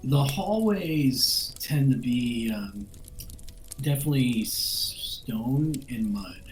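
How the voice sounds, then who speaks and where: A man's voice: medium pitch, animated, slow pace, reverberant, slight background noise, rough recording. A man narrating as dungeon master of a tabletop game, hesitant with many fillers.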